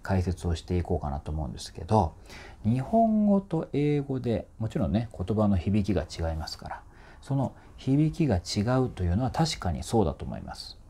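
A man's voice: on the low side, huge pitch swings, moderate pace, mellow, husky. A man working as a voice trainer, explaining singing technique in a chatty, informal way and demonstrating vowel sounds.

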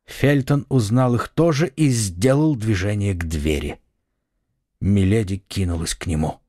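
A man narrating an adventure novel audiobook with an expressive, dramatic reading. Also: on the low side, measured pace, no room sound, clean studio sound. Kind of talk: scripted narration.

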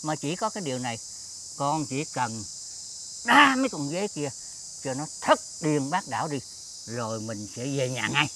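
A man playing a gentle old Southern grandpa. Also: animated, moderate pace, noisy background, close to an everyday voice. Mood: coaxing. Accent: Southern Vietnamese. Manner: gentle, coaxing, low and soft. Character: kindly old man guiding a lost little boy. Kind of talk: TV fairy-tale drama acting.

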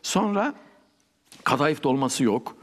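A man's voice: on the high side, slow pace, long reverb tail. An older man, a poet, telling a story in a studio interview and acting out the people in it. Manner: animated storyteller acting out dialogue. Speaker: guest, poet and writer. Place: television studio.

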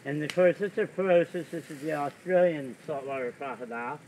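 Older guy in his 60s, animal keeper, highish sharp voice, stop-start explaining, noisy outdoor phone video. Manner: halting, pausing mid-sentence. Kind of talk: casual explaining to camera. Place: outdoors in a fenced animal yard. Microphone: phone held by someone else, a few feet away. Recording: outdoor background noise, handheld phone.

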